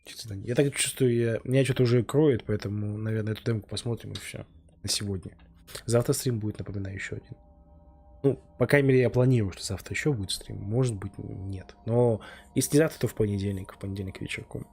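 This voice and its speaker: A man's voice: on the low side, fast talker, vocal fry, a little mellow, slightly rough. A man giving casual, informal commentary as a game streamer, musing aloud as he plays. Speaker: live streamer playing a game.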